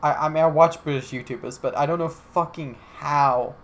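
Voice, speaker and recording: A man's voice: fairly high pitch, moderate pace, a bit bright. A young man from Alabama co-hosting a casual podcast, joking around, swearing freely and rambling. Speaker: podcast co-host. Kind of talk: casual chat.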